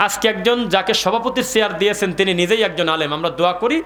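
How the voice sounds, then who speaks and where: A Bangladeshi man delivers a sermon at a religious gathering. His voice sits high and sounds bright and cutting. He keeps quizzing the listeners and drops into recited Arabic verses. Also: racing. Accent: Bangladeshi Bengali. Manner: call-and-response with the crowd, reciting Arabic verses. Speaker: preacher.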